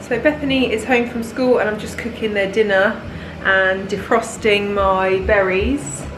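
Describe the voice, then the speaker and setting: A woman's voice: medium pitch, fairly even intonation, unhurried, roomy sound, music in the background, rough recording. A British woman in her thirties chatting candidly in a casual food vlog from her home kitchen, laughing easily as she talks. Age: 30s. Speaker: diet plan consultant and vlogger.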